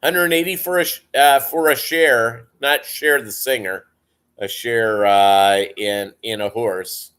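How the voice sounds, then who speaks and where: Slow-talking man with a deep Southern accent. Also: steady tone, fairly bright tone, clean tone. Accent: deep Southern American. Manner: rambling, halting delivery, reading and answering viewer comments. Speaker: live stream host. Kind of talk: casual livestream chat.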